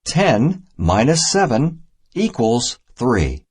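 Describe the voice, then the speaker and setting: Narrating a children's math storybook, a man delivers scripted, simple instructional lines at an unhurried, deliberate pace, pausing between short phrases. His voice sits in the middle range with a husky edge, and his intonation bounces along in a lively manner.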